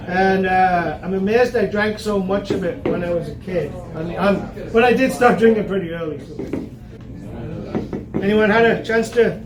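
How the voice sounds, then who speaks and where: A Newcastle man hosts a casual beer tasting, chatting and joking with plenty of fillers in a high voice at normal speed. The recording is echoey, with a distant mic and crowd chatter in the background.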